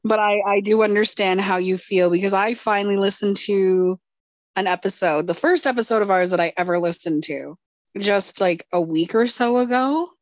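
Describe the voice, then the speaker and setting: At a moderate pace and medium pitch, a female podcast co-host jokes sleepily at her own expense during a casual conversation. The recording is dry, with the high frequencies cut off.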